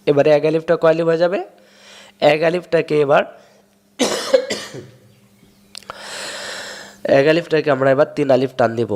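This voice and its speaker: A man from Bangladesh, teaching Quran reading step by step and drawing out sounds slowly to show them. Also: fairly high pitch, darkish tone. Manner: explains step by step, drawls sounds slowly to demonstrate. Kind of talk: recitation lesson.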